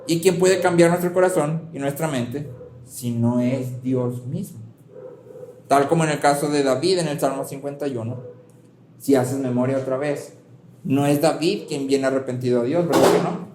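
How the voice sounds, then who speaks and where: A man's voice: medium pitch, moderate pace, noisy background. A man preaching a sermon as a pastor, conversational and full of rhetorical questions and check-ins with the congregation. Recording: roomy hall with faint ambience.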